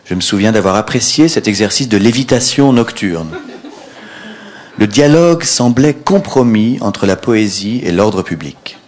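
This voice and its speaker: Wry, low-voiced middle-aged man. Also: lively intonation, measured pace, a little mellow. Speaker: author reading his book. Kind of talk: literary reading and audience chat.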